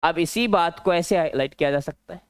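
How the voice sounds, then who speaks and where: A man with a Rajasthani Hindi accent teaching an exam-prep grammar lesson, explaining slowly and repeating key words. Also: on the high side, smooth, no room sound.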